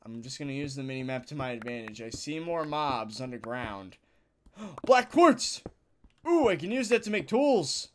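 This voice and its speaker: A man giving casual let's-play commentary as a gaming channel host, thinking out loud with sudden loud exclamations between quiet mutters, a bit tired. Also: mid-range voice, sing-song, normal speed, slight background noise. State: yawning, tired.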